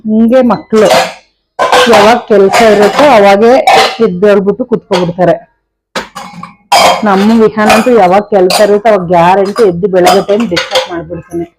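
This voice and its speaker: Young woman, home vlogger; chatty and direct, mid-pitched everyday voice. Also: fairly even intonation, a little fast, long pauses, noisy background. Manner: chatty, talks straight to viewers. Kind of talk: casual home vlog narration. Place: home kitchen.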